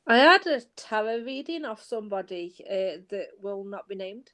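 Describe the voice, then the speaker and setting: A woman's voice: mid-range voice, animated, moderate pace, pushed and bright. A woman guest on a podcast, a tarot reader and coach, earnestly telling her story in casual chat and often restarting her phrases.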